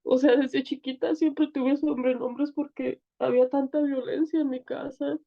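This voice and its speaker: Woman, Mexican accent, earnest testimony, gravelly voice, dull lo-fi sound. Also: sits high, steady tone, normal speed. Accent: Mexican Spanish. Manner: earnest, tearful at times, many fillers. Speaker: interview guest. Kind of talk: emotional personal testimony.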